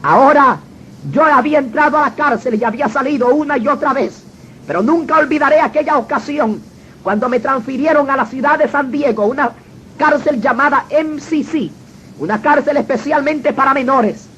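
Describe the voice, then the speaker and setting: A man's voice: very high voice, moderate pace, bright, forceful tone. A man telling his personal testimony in an earnest, dramatic storytelling manner. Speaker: testimony speaker. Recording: dull lo-fi recording with faint noise.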